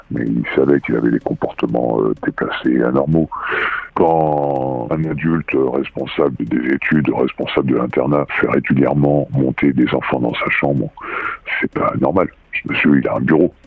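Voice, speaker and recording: A man giving a halting testimony, his voice disguised with a voice changer. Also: vocal fry, breathy edge, no echo. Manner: slow, halting testimony with pauses. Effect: voice changer, pitched very low. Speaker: interviewed witness. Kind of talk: radio interview testimony. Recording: phone-like narrow band, dry.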